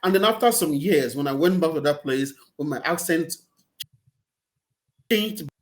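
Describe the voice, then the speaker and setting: In a relaxed interview conversation over a video call, using a laptop or webcam in a small room, a middle-aged man with a Nigerian accent speaks with lively intonation and a fairly high voice for a man. He stops now and then and repeats words while hunting for the right phrasing, in an easy, chatty way.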